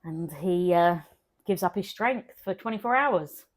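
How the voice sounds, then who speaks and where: A woman's voice: on the low side, expressive, a little slow. A woman co-hosting a film podcast in casual, enthusiastic chat, often trailing off and restarting. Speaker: podcast co-host.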